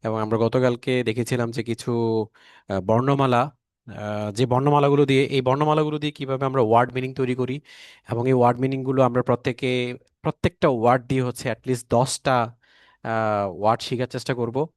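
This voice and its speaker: A man's voice: mid-range voice, fairly even intonation, fairly quick, no room sound, studio quality. A man with a Bangladeshi Bengali accent teaching an online language lesson, repeating each word several times with many fillers.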